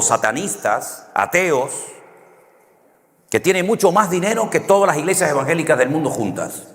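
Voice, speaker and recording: A man with a Canary Islands Spanish accent, preaching a sermon as a pastor in a conversational, storytelling way with wry humor. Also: medium pitch. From Canary Islands, Spain. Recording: long hall reverb.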